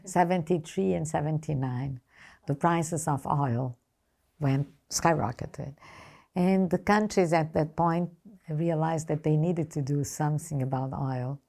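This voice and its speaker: Brazilian-accented woman diplomat, low and gravelly, careful and hesitant interview delivery, Portuguese native. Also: dark tone. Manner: hesitant, halting, choosing words carefully. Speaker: ambassador being interviewed. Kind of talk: formal interview answers.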